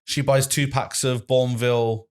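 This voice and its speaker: A man's voice: mid-range voice, level tone, normal speed, smooth. Young man, twenties, casual podcast storytelling, rambling, swears. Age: 20s. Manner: rambling, swears a lot, laughs through the story. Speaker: podcast co-host.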